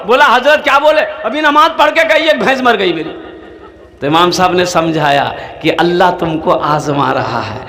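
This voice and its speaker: Male preacher, high bright voice, animated storyteller, echoey room. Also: normal speed. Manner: animated, acts out villagers in dialogue. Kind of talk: humorous sermon storytelling.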